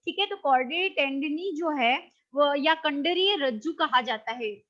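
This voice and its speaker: A woman's voice: high-pitched, expressive, a little slow, a bit bright, dull audio. A woman teaching a biology class, asking questions and answering them herself, often checking that students follow and correcting her own slips. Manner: checks understanding with frequent "got it?"; self-correcting, with hesitant fillers.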